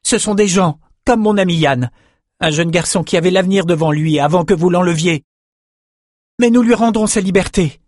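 A man voicing an angry young male swordsman who growls loudly and defiantly in a storybook. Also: high-pitched, normal speed, no echo, clean studio sound, voice pushed up. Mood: furious. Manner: raised, growling voice.

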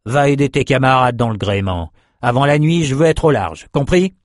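A man reading an audiobook voices a stern woman ship's captain giving brisk orders. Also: medium pitch, animated, no room sound, clean studio sound, lightly acted. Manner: brisk, commanding.

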